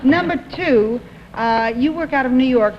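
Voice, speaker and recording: A woman's voice: sits high, normal speed, heavy background noise. A woman on a 1960s television panel show questioning contestants politely and probingly. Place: TV studio. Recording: dull, reverberant vintage TV studio audio.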